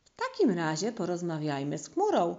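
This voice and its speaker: A woman voicing an anxious, fussy father mouse in a storybook, calling out loudly and eagerly. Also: fairly low pitch, huge pitch swings, normal speed, muffled recording.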